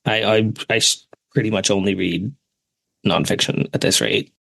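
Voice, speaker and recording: A man's voice: fairly low pitch, moderate pace, creaky, fairly bright tone, no room sound, clean studio sound. Earnest Canadian-accented man. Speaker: podcast host. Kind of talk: casual chat.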